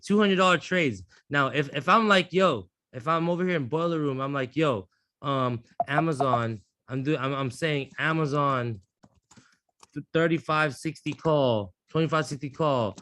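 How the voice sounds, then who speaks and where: A man's voice: on the high side, pushed and bright, no echo. A man teaching a live trading class, blunt and profane, often restarting his sentences. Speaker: trading instructor.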